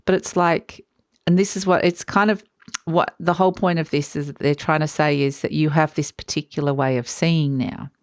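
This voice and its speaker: A woman giving a tarot reading in a dreamy, searching way, pausing on fillers as she hunts for words. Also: deep voice, a little mellow, no echo, clean studio sound. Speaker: tarot reader.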